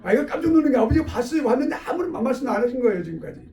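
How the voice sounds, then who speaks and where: Professor guy telling a story fast, high-ish and gravelly, echoey room far from the mic. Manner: animated, with acted-out dialogue. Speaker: theology professor. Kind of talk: storytelling lecture.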